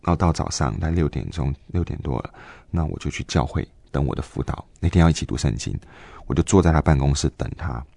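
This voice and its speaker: A man in his twenties telling a personal faith story in an interview, earnest and halting, with many fillers and restarts. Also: extremely low pitch, gravelly, warm tone, no echo. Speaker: guest giving a faith testimony.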